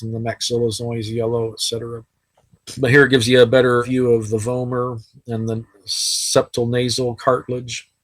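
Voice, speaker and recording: A man's voice: medium pitch, fairly bright tone, no echo, rough recording. A man teaching anatomy in a casual, chatty recorded lecture over slides, with frequent fillers. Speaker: anatomy instructor. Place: sitting while recording.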